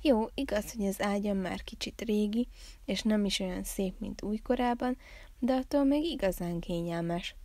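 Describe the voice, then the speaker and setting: A woman voicing a gentle, grumbly big father bear in a storybook reading, talking in a slow mumbling grumble. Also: medium pitch, dry recording, natural voice. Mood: embarrassed.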